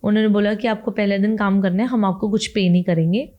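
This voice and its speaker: A woman's voice: mid-range voice, fairly even intonation, fast, highs cut off. Emotional young woman telling her story. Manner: emotional storytelling, mixes Hindi with English phrases. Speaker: interview guest. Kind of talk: casual interview talk.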